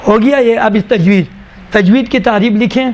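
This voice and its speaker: A male teacher dictating definitions to a class, slowly repeating each phrase so students can write it down. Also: high voice, darkish tone, lo-fi sound, slight background noise. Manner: slow, repeats each phrase for note-taking. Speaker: Quran recitation teacher.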